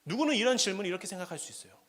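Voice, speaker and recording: Impassioned high-pitched male preacher. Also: animated, very fast. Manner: swings between quiet asides and loud impassioned cries; asks the congregation questions. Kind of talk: sermon at a prayer meeting.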